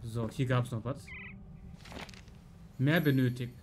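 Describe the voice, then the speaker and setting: A man with a mid-pitched voice streams a game, thinking aloud in short, casual remarks. Clear background noise and clicks sit behind his voice. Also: steady tone, slow. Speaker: let's play streamer. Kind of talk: casual live game commentary.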